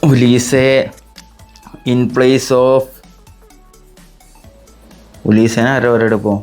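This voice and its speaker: A young man with a Malayali accent hosting his own gaming channel, exclaiming loudly as he opens packs. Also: mid-range voice, level tone, very slow, faint music behind. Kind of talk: excited pack-opening commentary.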